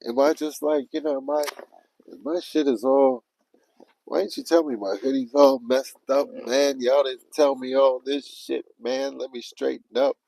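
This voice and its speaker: A man's voice: medium pitch, a little slow, gravelly, a little hiss or hum, rough recording. A man telling a story casually on a livestream, swearing often and acting out his own panicked self-talk. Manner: animated, profane, retelling with quoted self-talk. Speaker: livestream vlogger.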